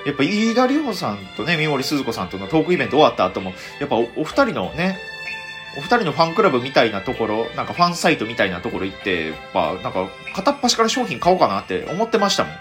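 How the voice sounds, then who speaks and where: A man with a Kansai accent, a comedian hosting a casual solo podcast, telling stories in an excitable, self-mocking way. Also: medium pitch, quick pace, over music.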